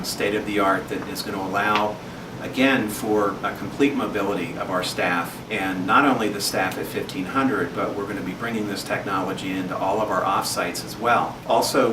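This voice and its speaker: A man talks briskly through a list of features, his voice a little low. He sounds distant in an echoey room, with a noisy hum behind him. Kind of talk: interview talk for a corporate video. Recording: roomy, distant mic, background noise.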